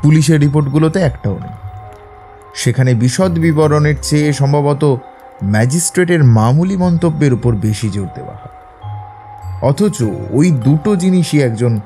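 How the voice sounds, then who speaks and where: An actor playing Sherlock Holmes in an audio drama as an assured, philosophising gentleman detective, speaking in a measured, eloquent, lecturing way. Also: medium pitch, close to an everyday voice. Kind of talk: Bengali audio drama acting.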